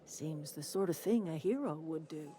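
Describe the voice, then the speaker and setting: This actress plays an elderly, motherly camp leader in a video game, proud and folksy in her plain speech, and her tone is bitter and defiant. Her voice is low and mellow at a normal speed, only lightly acted, with slight background noise and music under it.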